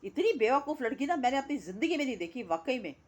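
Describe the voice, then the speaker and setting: A woman's voice: high voice, sing-song, fast. A woman giving an indignant, scolding reaction commentary, repeating words for emphasis. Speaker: reaction vlogger.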